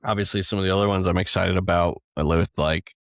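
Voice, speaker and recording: A man's voice: low voice, fairly even intonation, fast talker, no echo, clean studio sound. A young man co-hosting a casual gaming podcast, rambling through his thoughts and laughing now and then. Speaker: podcast co-host.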